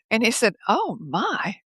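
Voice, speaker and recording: Older woman telling lively stories with laughs. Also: a little high, slightly rough, no echo. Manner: lively, laughs often, acts out quoted speech. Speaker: guest. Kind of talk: casual conversational storytelling. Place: home office. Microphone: video call.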